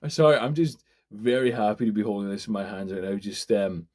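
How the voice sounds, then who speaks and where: A man, chatting casually and excitedly while unboxing and reviewing a toy, swearing freely as he rambles. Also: lowish voice, moderate pace. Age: 20s. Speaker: toy reviewer, channel host.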